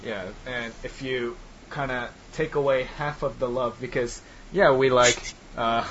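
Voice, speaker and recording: A man's voice: medium pitch, steady tone, a little slow, a bit bright, a little hiss or hum. A man hosting a casual group chat over an online call, talking loosely with plenty of filler words. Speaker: podcast host. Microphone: computer mic on a voice call. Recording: dull lo-fi online call audio.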